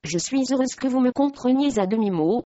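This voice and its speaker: A woman reading the part of a grave, haughty abbess who speaks in a monotone, in a slightly dull recording. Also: a little high, a little fast, no echo, lightly acted.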